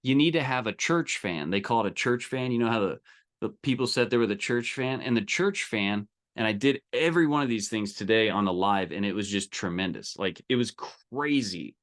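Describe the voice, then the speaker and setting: Running a group training call, a male business coach speaks emphatically and colloquially with a salesy edge, frequently checking in on his audience. His fairly low voice is expressive, fairly bright, and a little fast.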